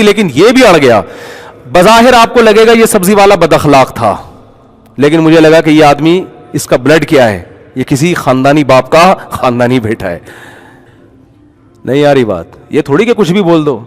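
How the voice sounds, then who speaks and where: A man delivers a conversational sermon, slipping into the voices of the people in his stories. His voice sits a little high for a man. The sound rings with the long reverb of a large hall. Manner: animated storyteller, acts out the people in his stories. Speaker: Islamic preacher.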